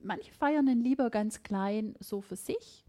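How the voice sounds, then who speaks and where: With a slightly high voice and slow delivery, a middle-aged podcast host with a Swabian German accent reflects in casual conversation. Her tone is lively and emphatic.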